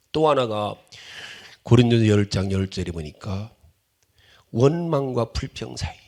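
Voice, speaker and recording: Animated Korean pastor with a gravelly voice. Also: male voice, high-pitched. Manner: animated preaching, acting out quarrels with shouted bursts and dropping to whispers. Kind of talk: sermon. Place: church sanctuary.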